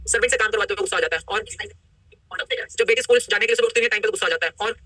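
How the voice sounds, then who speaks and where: A middle-aged woman leading a live online workshop, energetic and coaxing, often putting questions to the group through a laptop mic on a video call. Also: mid-range voice, racing, no echo. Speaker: workshop coach.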